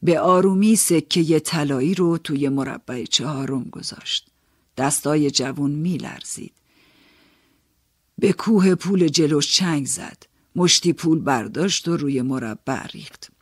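A man narrating an audiobook in a measured, storytelling manner. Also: fairly high pitch, dry recording, studio quality. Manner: measured, storytelling, first-person.

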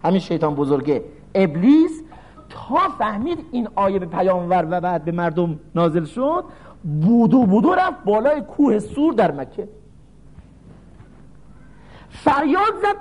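A man preaching a sermon, reciting Arabic verses and explaining them through animated storytelling with acted voices. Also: high voice, pauses often, low-quality recording.

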